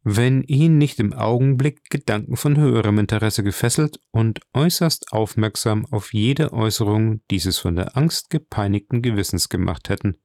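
A man narrating a classic novel in a measured, even storytelling manner. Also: fairly low pitch, no echo, clean studio sound. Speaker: audiobook narrator.

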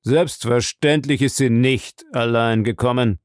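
A man reading an audiobook and voicing a captain who speaks forcefully and with dry irony. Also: medium pitch, fairly even intonation, measured pace, dry recording, close to an everyday voice. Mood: ironic. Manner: forceful, dryly ironic. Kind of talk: audiobook character voice.

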